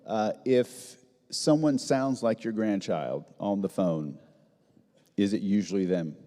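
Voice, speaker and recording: A man moderating a seminar, putting quick quiz questions with a light, joking manner. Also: on the low side, mellow. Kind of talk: casual seminar hosting. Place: seminar hall. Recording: echoey hall.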